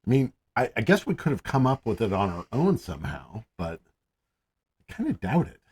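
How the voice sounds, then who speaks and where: A man's voice: on the low side, huge pitch swings, fairly quick, darkish tone, breathy edge. A man co-hosting a podcast in casual chat, teasing his co-host and prompting the story along.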